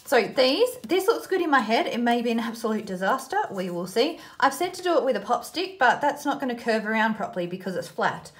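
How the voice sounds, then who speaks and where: An Australian woman talks through a craft activity in a casual, thinking-aloud way, at a middling pitch. She is informal and self-deprecating, like a host chatting while her hands are busy. There is noticeable background noise with small clicks on the recording. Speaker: host of a children's craft video. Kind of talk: casual craft tutorial, talking while working.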